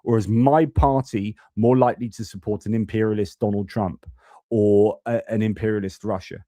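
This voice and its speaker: The recording is dry and studio-clean, carrying a low, mellow male voice with a steady tone and moderate pace. He's a young Brit hosting a live news stream, casually ranting about politics and often breaking off to restart or stammer through repeated words.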